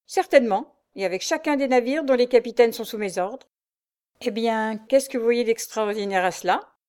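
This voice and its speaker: In a read-aloud story, a woman voices a hot-tempered, proud male naval commander, pitching slightly high, above her own natural voice. At a moderate pace and with a darkish tone, she makes him haughty, curt, sarcastic, and imperious.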